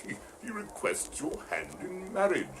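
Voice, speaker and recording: An actor playing a regal, faintly amused king with measured, formal speech in an audio storybook. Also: high voice, wildly swooping pitch, fairly bright tone, slight background noise, heavily acted. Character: courteous, amused, regal king and father of a princess.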